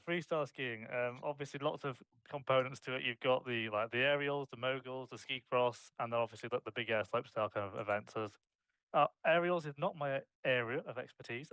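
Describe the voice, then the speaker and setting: British male co-host, casual and filler-heavy, mid pitch, dry close mic. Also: a bit bright, clean tone, dry recording, low-quality recording. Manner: chatty, self-mocking, many fillers. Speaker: podcast co-host. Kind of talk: casual sports podcast chat.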